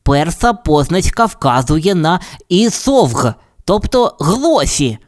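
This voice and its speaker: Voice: medium pitch, very animated, slow, pitched above the performer's own voice. A storyteller voicing a clever little male canary with a burred, lisping way of talking. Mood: explaining. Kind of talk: storybook character voice.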